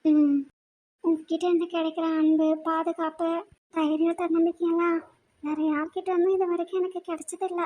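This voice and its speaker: A woman voicing an anxious, tearful young woman student in a cartoon, fretful and quick to argue. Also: extremely high pitch, flat delivery, dark tone. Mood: tender, soft. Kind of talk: cartoon voice acting.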